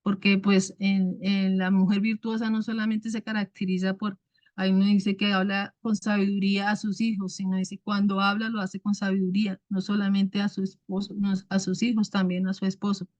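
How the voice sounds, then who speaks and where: A woman giving a casual devotional talk to a women's church group, with many restarts and fillers and a naturally loud way of speaking. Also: mid-range voice, level tone, normal speed, no room sound. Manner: loud speaker by her own account. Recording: dull, dry sound.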